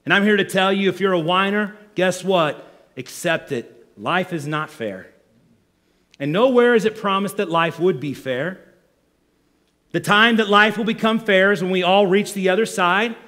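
A male pastor preaching a sermon, animated and acting out the voices of complainers. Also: high voice, moderate pace.

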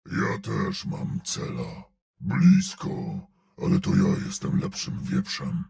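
An actor voicing a huge, gruff male brute in a video game, growling out terse battle callouts and dry sardonic remarks in a gravelly voice. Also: very deep voice, huge pitch swings, takes it slowly, darkish tone, exaggerated voice.

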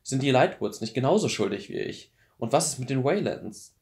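A man voicing a weary, regretful older mentor in an audiobook, speaking calm and measured. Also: mid-range voice, vocal fry.

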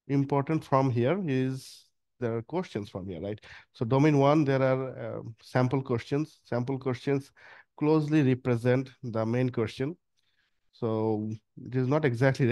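A man's voice: mid-range voice, a little mellow, no echo, studio quality. A man with a Bangladeshi English accent teaching an exam prep course over a screen share, talking casually and often saying "uh" and "actually". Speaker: course instructor.

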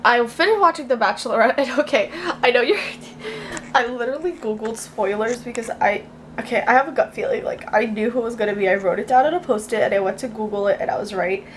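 A young woman chatting casually and excitably in a vlog, recorded on a handheld camera in a bedroom. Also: fairly high pitch, fast talker. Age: young adult. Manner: excitable, gushing, informal. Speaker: vlogger. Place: small bedroom indoors. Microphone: handheld camera at arm's length.

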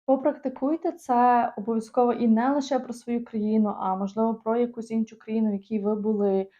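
A woman from Ukraine, an English teacher giving an online lesson, explaining patiently and slowing down for example phrases. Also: on the high side, steady tone. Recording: dull, muffled lo-fi recording.

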